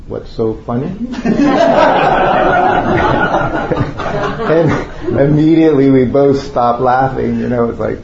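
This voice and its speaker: A man's voice: mid-range voice, creaky, dark tone, echoey room, muffled recording, slight background noise. A man casually telling a long personal story to a group, rambling and laughing often as he goes. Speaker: storyteller recounting memories. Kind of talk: casual anecdote told to a group.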